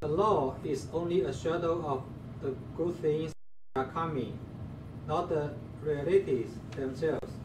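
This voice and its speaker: A man reads a scripture passage aloud very slowly, pausing between phrases. He sits far from the microphone in an echoey room. Steady air-conditioning noise runs underneath him. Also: fairly high pitch. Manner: measured, phrase-by-phrase reading. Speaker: class member reading scripture. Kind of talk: slow scripture reading. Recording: distant roomy pickup with air-conditioning noise.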